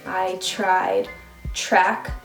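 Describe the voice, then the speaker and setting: A woman in her twenties from NYC speaks very slowly in a lowish voice with little pitch movement, chatting and digressing in a get-to-know-me vlog. She records on her phone at home; the room sounds roomy, and faint music plays.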